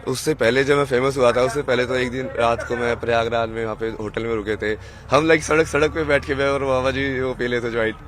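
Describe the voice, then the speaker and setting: A man's voice: medium pitch, fairly even intonation, quick pace, hardly any pauses. A man talking in a rambling, musing way during an interview, dropping English words into his speech. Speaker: interviewee, spiritual seeker. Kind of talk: rambling casual conversation. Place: outdoors at a crowded religious gathering. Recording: loud crowd noise behind. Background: crowd chatter.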